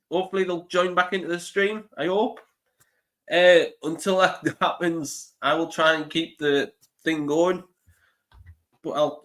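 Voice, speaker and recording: Bright-voiced man with a stuffy flu. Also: high-pitched. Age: 30s. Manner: chatty, laughs often, self-deprecating. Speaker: interview host. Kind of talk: casual live interview.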